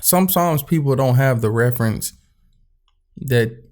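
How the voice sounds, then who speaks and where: A man hosting a casual podcast chat, talking in halting, looping phrases and calling his guest bro. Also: medium pitch, darkish tone. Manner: halting, restarts often, calls people bro. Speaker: podcast host.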